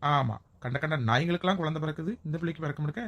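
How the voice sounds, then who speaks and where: A woman voicing a bold village woman who talks in a sharp-tongued, joking way. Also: low voice, racing, highs cut off. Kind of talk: village comedy skit acting.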